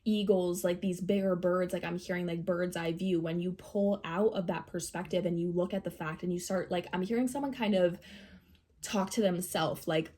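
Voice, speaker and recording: A woman's voice: on the low side, steady tone, normal speed, warm tone. A woman with a nasal voice from a recent cold, giving a casual, rambling tarot reading to camera, full of "like" and "um". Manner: rambling, filler-heavy, many "like"s. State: recovering from a cold. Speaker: tarot reader.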